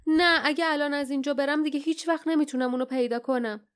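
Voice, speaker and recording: A woman voicing a brave, stubborn young male hero in an audiobook, shouting urgently. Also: sits high, fairly even intonation, voice pushed up, close to an everyday voice.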